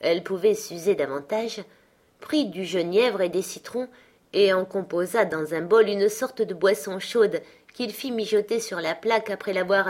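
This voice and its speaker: Woman reading a classic tale aloud. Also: lowish voice. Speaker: audiobook reader. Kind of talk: storybook narration.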